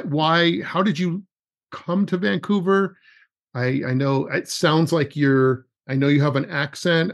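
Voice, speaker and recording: A man hosting a podcast, interviewing a guest in an encouraging, affirming way. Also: a little high. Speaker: podcast host. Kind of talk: casual interview.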